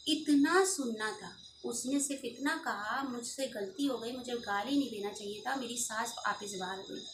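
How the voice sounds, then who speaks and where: A woman's voice: a little high, normal speed, reverberant. A woman in her thirties telling a painful personal story in an emotional, pleading and indignant way. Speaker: channel host telling her own story. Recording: distant mic with clear background noise.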